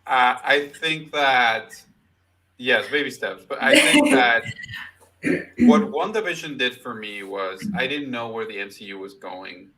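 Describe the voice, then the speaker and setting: A man's voice: mid-range voice, animated, a little slow, bright, forceful tone, poor audio. A man co-hosting a casual chat, giving a critical opinion with frequent hesitations and repeated starts. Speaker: podcast co-host.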